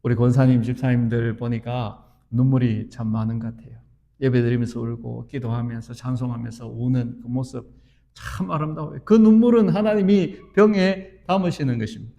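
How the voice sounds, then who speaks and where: A man's voice: mid-range voice, fairly even intonation, fairly quick, gravelly, dark tone. A pastor in his fifties preaching a sermon in an earnest, storytelling way that rises to fervent emphasis. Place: church sanctuary.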